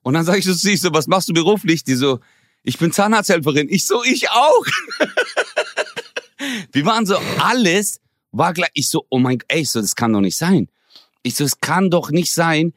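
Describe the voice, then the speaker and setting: A man in his forties from Germany, co-hosting a podcast and telling a story in a lively, slangy way, acting out the dialogue. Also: a little high, fast, no room sound, clean studio sound. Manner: animated, slangy, acts out quoted dialogue. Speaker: podcast co-host. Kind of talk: casual storytelling chat.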